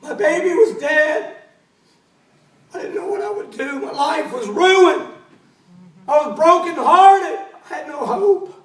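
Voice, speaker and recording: A man doing a tearful, heartfelt father in a sermon. The voice is high and echoes in the church, picked up from afar. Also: slow, pauses often, fairly bright tone, full character voice. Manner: emotional, heartfelt. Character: tearful father holding his revived daughter. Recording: echoey church, mic at a distance.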